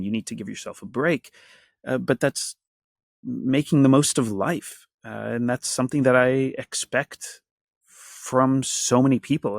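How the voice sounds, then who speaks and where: A man's voice: medium pitch, creaky, no room sound, clean studio sound. A man from the Washington, D.C. area, a guest in an interview, speaking earnestly and reflectively in long lists. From Washington, D.C. area, USA. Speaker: guest, actor and activist. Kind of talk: conversational interview.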